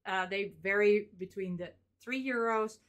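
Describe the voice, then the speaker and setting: A woman's voice: mid-range voice, unhurried. Woman, 30s, vlogger. Casual unboxing chatter, rambling, filler-heavy. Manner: chatty, rambling, frequent fillers and small laughs. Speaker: vlogger showing convention purchases.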